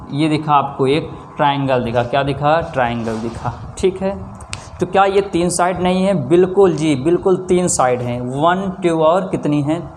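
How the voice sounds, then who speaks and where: Fairly high-pitched, with a little hiss or hum in the recording, this male teacher gives a maths lesson in a Hindi-speaking north Indian accent. He poses rhetorical questions and answers them himself, checking in often with "theek hai."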